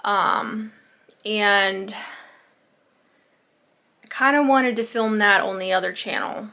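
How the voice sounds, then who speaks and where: A woman, chatting casually to the camera in a day-in-the-life vlog. She rambles and often fills pauses with "um" and "like", and she is recorded close to a phone camera in a small bedroom. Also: medium pitch, bright, forceful tone. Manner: chatty and rambling, with frequent fillers like "um" and "like". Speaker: lifestyle vlogger. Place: small bedroom at home, indoors.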